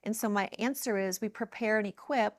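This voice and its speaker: Woman interviewer, medium voice, warm affirmations, reads excerpts aloud. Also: medium pitch, brisk. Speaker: podcast host, head of school. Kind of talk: interview podcast.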